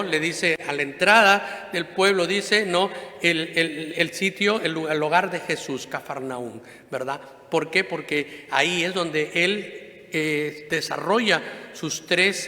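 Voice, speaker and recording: High, bright-voiced priest in echoey church. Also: male voice. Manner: conversational preaching, frequent rhetorical questions and tag "¿no?". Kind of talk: Sunday homily. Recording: echoey church with long reverb.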